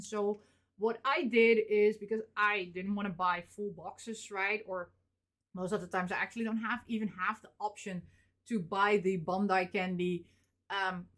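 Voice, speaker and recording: A woman's voice: medium pitch, a bit bright. A woman in her thirties, a vlogger chatting casually about things she bought, with lots of fillers and little laughs. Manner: chatty, rambling, frequent fillers and small laughs. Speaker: vlogger showing convention purchases. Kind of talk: casual unboxing chat.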